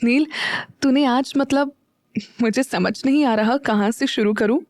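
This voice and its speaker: A woman voicing an excitable young woman talking to her brother. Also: sits high, a little slow. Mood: excited.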